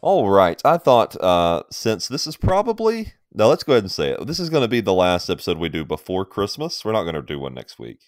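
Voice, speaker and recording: A man's voice: on the low side, wildly swooping pitch, fairly quick, few pauses, dry recording, clean studio sound. A man co-hosting a sports podcast in a casual, opinionated way, often laughing. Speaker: podcast co-host.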